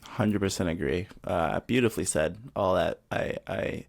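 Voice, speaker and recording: A podcast host with a low, gravelly voice who keeps affirming his guest and nudging the talk along. He is encouraging and easygoing as he wraps up the conversation. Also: moderate pace. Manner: affirming, encouraging, frequent agreement noises. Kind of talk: casual podcast interviewing.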